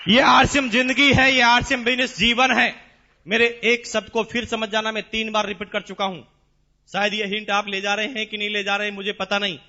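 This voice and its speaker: A man speaking as a motivational business seminar speaker in a large hall, emphatic and repetitive, with rhetorical questions and drawn-out stresses. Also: high-pitched, level tone, sharp tone, lo-fi sound.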